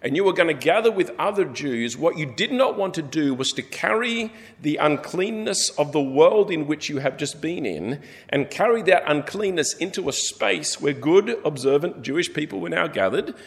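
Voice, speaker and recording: A man's voice: fairly high pitch, normal speed. Man preaching in a reverberant hall. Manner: animated storytelling, acts out characters. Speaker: pastor. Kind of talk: sermon.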